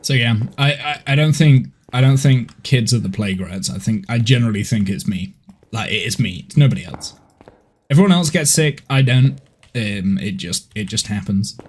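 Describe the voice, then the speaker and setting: This man's mid-range voice has a breathy edge and moves at normal speed. In his thirties and suffering a head cold, he chats and rambles casually while live streaming a horror game from home.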